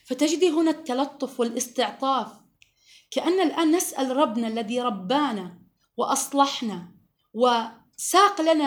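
A woman teaching a religious lesson to women, explaining verses and asking her listeners questions, slowing down to recite. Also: high-pitched.

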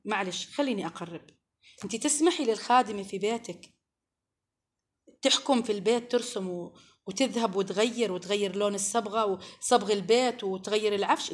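A woman giving an earnest religious lesson to women, pleading and coaxing, rising to strong emphasis. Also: on the high side. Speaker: preacher addressing women.

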